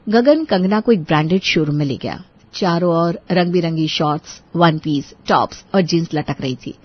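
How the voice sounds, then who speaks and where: A woman giving scripted storybook narration for a cartoon, telling the story smoothly and evenly. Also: on the low side, moderate pace, no echo, highs cut off.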